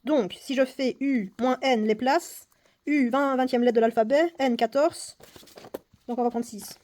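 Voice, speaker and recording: Mellow-voiced woman muttering puzzles. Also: sits high, a little slow. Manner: mutters numbers to herself, often dropping to a whisper; self-mocking, thinking aloud. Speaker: board game vlogger. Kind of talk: casual puzzle-solving vlog.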